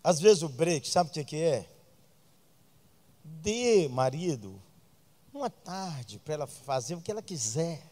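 A Brazilian man preaching a sermon as pastor, joking with the congregation and breaking into loud outbursts. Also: fairly high pitch, big pitch swings, slow, long pauses, in a large hall.

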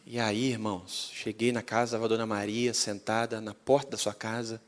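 A male pastor with a Brazilian Portuguese accent tells a story in a sermon, animated and acting out the dialogue. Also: lowish voice, normal speed.

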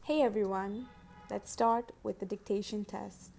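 A woman's voice: mid-range voice, fairly even intonation, measured pace, gravelly, dark tone, faint music behind. A woman teacher dictating single words and repeating each one for a children's dictation test.

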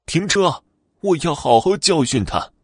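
A man voicing a menacing old woman ghost with fangs, speaking in drawn-out, sinister tones. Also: low-pitched, very animated, vocal fry, no room sound, studio quality, exaggerated voice. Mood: accusing.

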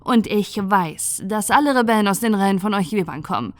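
A woman's voice: mid-range voice, lively intonation, brisk, no echo, natural voice. A woman voicing a ruthless female inquisitor who speaks in a cold, commanding, contemptuous way. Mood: stern.

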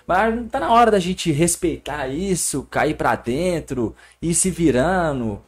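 A man hosting a casual podcast, reflecting out loud in loose, slangy talk. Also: a little high, animated, measured pace. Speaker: podcast host.

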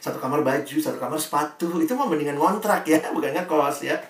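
A man's voice: a little high, fast. A man preaching a sermon, telling a vivid story and acting out the characters in it. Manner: animated, acts out characters in an illustration. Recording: roomy hall sound, voice a bit distant from mic.

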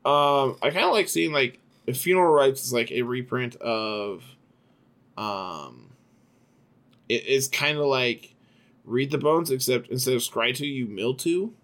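A man with an ordinary mid-pitched voice talks loosely on a podcast, laughing easily and tossing in "man" now and then. His delivery stays relaxed and conversational. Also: a little slow. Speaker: podcast co-host. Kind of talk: casual card game chat.

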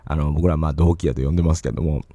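A man's voice: very deep voice, steady tone, racing, dark tone, no echo. A man with a Kansai accent hosting a podcast, rambling chattily on his own with lots of fillers and asides. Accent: Kansai Japanese. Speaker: podcast host. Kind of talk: casual solo podcast talk.

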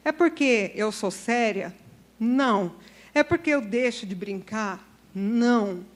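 A woman's voice: a little high, expressive, slow. A woman with a Brazilian Portuguese accent giving an informal sermon at a women's service, chatty and self-deprecating, acting out little dialogues.

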